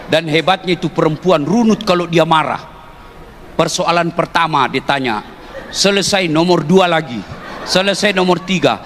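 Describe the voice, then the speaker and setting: A man preaching a humorous sermon to a live audience. He teases and jokes, asks the crowd questions directly, and often rises into emphatic shouts. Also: sits high. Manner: jokey, teasing, often rising to emphatic shouts. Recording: long hall reverb with faint background noise.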